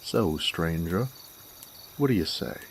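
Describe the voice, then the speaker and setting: Gravelly and animated, this man gives a full character voice to a smooth-talking werewolf bounty hunter, a genial Western drifter, in an audio roleplay monologue directed at the listener. The deep Southern/Western drawl sounds amiable and teasing, folksy, courteous, wordy and unhurried, over a light hiss or hum.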